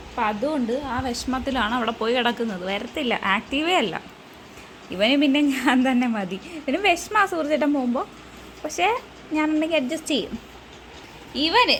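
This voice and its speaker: High, bright-voiced woman cooing at pets. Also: a little hiss or hum. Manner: sing-song baby talk to her pets, calls herself mother; narrates to viewers in a softer, lower voice. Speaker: pet vlogger. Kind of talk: casual vlog talk to pets.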